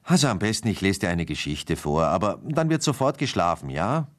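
A man's voice: sits low, very animated, a little fast, pitched above the performer's own voice. A man doing a patient big brother. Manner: good-natured, patient. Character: good-natured thirteen-year-old big brother.

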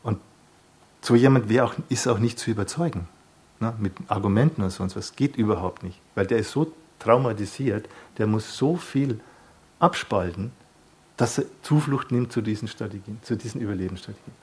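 A man with a low voice that has a breathy, husky grain. He talks as a psychotherapist and explains things calmly. He often rephrases himself mid-sentence and adds tag questions. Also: normal speed. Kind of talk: calm explanatory talk.

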